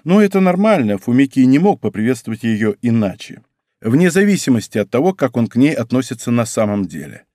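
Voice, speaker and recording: A man narrating a first-person story as an audiobook, in an expressive, conversational way. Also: medium pitch, a little fast, no echo, studio quality.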